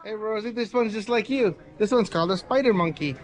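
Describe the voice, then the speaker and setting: A man's voice: sits high, a little fast. Chatty man vlogging outdoors. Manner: chatty and upbeat, narrating while walking. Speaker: family vlogger. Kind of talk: casual walking-tour vlog. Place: outdoors at a zoo. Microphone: camera held at arm's length. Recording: outdoor noise.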